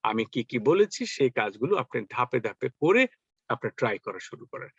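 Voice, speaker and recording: A man's voice: medium pitch, very animated, moderate pace, gravelly, fairly bright tone, breathy edge, no echo. Man teaching English. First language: Bengali. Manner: repeats practice phrases over and over, mixes English into Bengali. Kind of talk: casual spoken lesson. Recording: dull lo-fi, dry close sound.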